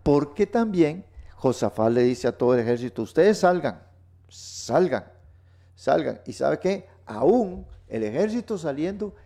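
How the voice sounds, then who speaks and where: A man's voice: on the high side, sing-song, moderate pace, warm tone. A man hosting a radio Bible teaching, emphatic and repeating words for stress. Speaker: radio program host. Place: radio studio.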